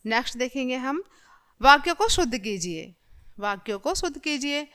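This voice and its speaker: A woman's voice: high-pitched, lively intonation, normal speed, a bit bright, clear, resonant tone. A woman teacher explaining a lesson patiently to young children, reading words and sentences aloud and correcting them.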